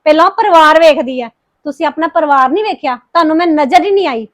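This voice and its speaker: A woman acting as a heartbroken young wife in a family drama, who speaks with a Punjabi accent and pours out rapid, reproachful complaints against her in-laws. Her voice sits very high. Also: lightly acted. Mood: bitter, accusing. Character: grieving young wife confronting her mother-in-law. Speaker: daughter-in-law Harpreet.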